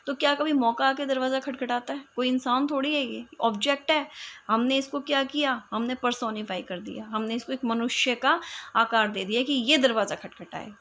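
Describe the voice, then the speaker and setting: A woman with an Indian English accent teaching English and explaining step by step, often checking that students understand and reading example sentences slowly. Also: sits high, steady tone, a bit bright, a little hiss or hum. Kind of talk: classroom explanation.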